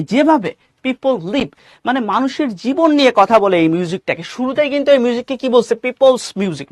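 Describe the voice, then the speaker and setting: A Bangladeshi man with a Bangladeshi Bengali accent teaches an online English class in a high voice. He keeps asking his students questions and mixes English phrases into his Bengali. His voice is close to the mic and dry, with no room echo. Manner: asks questions and reads out student names.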